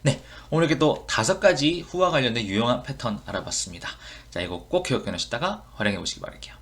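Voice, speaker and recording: A man's voice: mid-range voice, very animated, fast talker, a bit bright. A man with a Korean accent teaching English expressions in an online lesson, repeating each phrase and explaining it.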